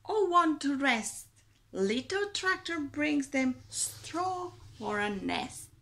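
A woman teacher in her forties reads a picture book aloud to small children, lingering on every word. Her voice sits high and swoops up and down in a lively sing-song lilt. She is recorded close up on a webcam in a small room. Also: a little hiss or hum. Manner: slow, expressive storytime reading with a sing-song lilt.

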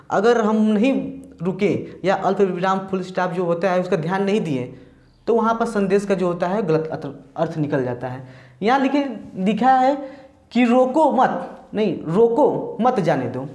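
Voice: medium pitch, a little mellow. A teacher giving a step-by-step lecture, often repeating points and checking in with "ठीक" before moving on. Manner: mixes in English terms alongside Hindi ones. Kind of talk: recorded classroom-style lecture. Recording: echoey room.

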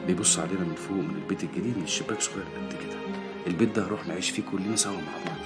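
An actor playing a tender father gently comforting his young daughter, with an Egyptian accent. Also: low-pitched, racing, loud music behind the voice, close to an everyday voice. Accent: Egyptian Arabic. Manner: gentle, soothing.

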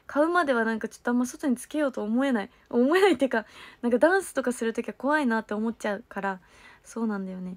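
Racing along in an animated, slightly high voice with no echo, this young livestream host and stage performer chats loosely and thanks her viewers, her words a bit slurred.

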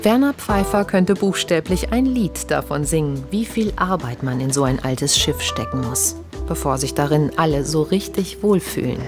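A woman reading the scripted narration of a television documentary in a calm, even way. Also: deep voice, normal speed, over loud music.

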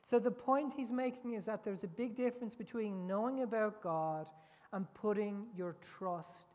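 A middle-aged man preaching a sermon at a lectern in a large indoor church hall, deliberate and fond of rhetorical tag questions. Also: sits high, a little mellow. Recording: long hall reverb.

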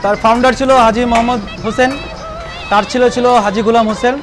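A man talking through a face mask, speaking hesitantly with many pauses and filler sounds. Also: very high-pitched, steady tone. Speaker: grandson of a restaurant founder. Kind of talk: casual interview talk. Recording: loud crowd and music behind.

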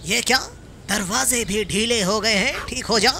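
A man giving cartoon-style game commentary, calling out loudly and pleading urgently. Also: high voice, moderate pace, creaky, a little hiss or hum. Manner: loud, urgent calls and pleading. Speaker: gaming commentator.

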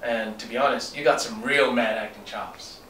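A young man in an amateur student skit plays an upbeat producer who talks his way around things. His voice is bright. The room is echoey, he is a little off mic, and faint noise sits underneath. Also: mid-range voice, fairly even intonation, moderate pace. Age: young adult. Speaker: student actor playing a casting producer. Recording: roomy, distant, faint noise.

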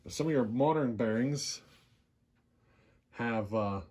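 A man's voice: mid-range voice, slow pace, a little mellow, breathy edge. A man in a workshop demonstrating a chainsaw repair, talking plainly and unhurriedly, often asking "see how". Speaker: chainsaw repair channel host. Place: workshop bench.

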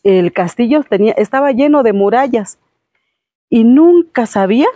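A woman's voice: on the high side, animated, moderate pace, mellow, no echo. A woman, a show host retelling a fairy tale casually with lots of fillers. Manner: homely, filler-heavy retelling. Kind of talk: casual storytelling.

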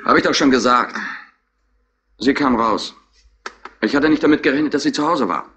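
A man's voice: medium pitch, normal speed, bright, forceful tone, lightly acted. A man playing a sullen, defiant young petty burglar in a 1960s radio crime drama, giving impatient answers. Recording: old radio play with faint hiss.

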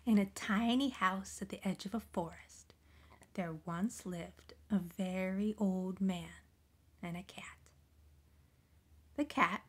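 A woman reading a children's picture book aloud, gentle and expressive, often dropping into soft whispers. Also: medium pitch, slow pace, pauses often, slightly rough. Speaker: storybook reader.

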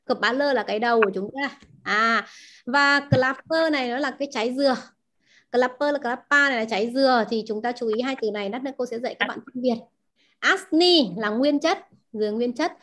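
High-voiced woman teaching a class. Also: brisk, a bit bright. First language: Vietnamese. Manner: asks the class questions, repeats key words. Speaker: language teacher.

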